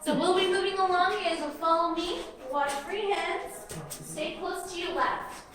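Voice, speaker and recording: High-voiced woman guide echoing in a cave. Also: moderate pace, crowd noise. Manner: informative, directs the group. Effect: cave echo. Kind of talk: guided tour explanation. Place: inside a limestone cavern. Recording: echoey cave, voice from far off.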